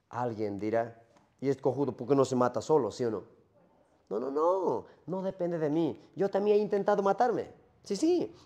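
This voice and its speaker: A man's voice: fairly high pitch, creaky, darkish tone, highs cut off, exaggerated voice. A man acting out a lonely male Minotaur who longs for death, speaking in a rambling first-person monologue full of rhetorical questions.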